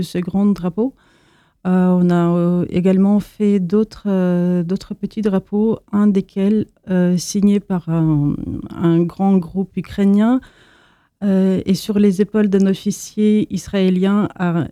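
A woman's voice: fairly low pitch, warm tone, no echo. A woman from Moldova, the founder of an association, answering interview questions hesitantly with many fillers and restarts.

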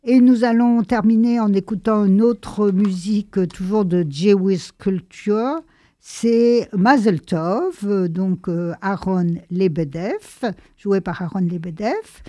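Slow-reading woman radio host. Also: mid-range voice, warm tone, no echo. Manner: slow, measured, hesitant with fillers. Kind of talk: reading a story aloud with commentary.

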